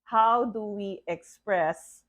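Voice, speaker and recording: A woman's voice: mid-range voice, extremely slow, fairly bright tone, dull audio. A woman teaching a language lesson, patiently repeating words and asking "okay?" often. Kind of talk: slow, deliberate language lesson.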